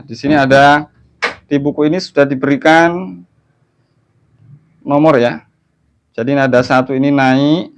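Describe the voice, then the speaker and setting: A man teaching Quran recitation online, explaining patient steps and then chanting verses slowly in a melodic tone. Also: mid-range voice, a little hiss or hum. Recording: dull lo-fi audio.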